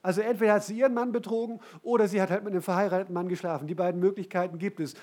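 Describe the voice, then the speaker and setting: A man preaching a sermon as pastor, talking in a conversational, animated way and often asking the congregation direct questions. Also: high voice, rapid-fire.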